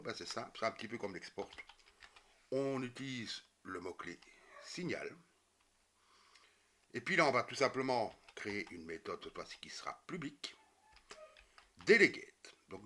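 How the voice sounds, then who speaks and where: A man's voice: low-pitched, sharp tone, a little hiss or hum. A man explaining a coding tutorial step by step, with many fillers and self-corrections. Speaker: programming tutorial teacher. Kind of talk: screen-recorded coding tutorial.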